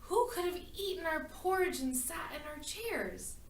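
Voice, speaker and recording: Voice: very high-pitched, expressive, unhurried, a little hiss or hum, voice pushed up. A woman voicing a big, stern father bear in a told storybook tale. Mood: indignant. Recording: echoey room, far from mic.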